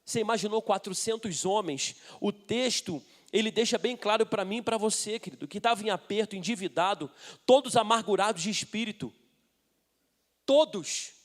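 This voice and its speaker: High-voiced Brazilian pastor preaching with humor. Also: male voice, brisk, few pauses. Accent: Brazilian Portuguese. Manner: humorous, drops to a hushed voice for asides; builds to loud emphatic preaching. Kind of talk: sermon with storytelling.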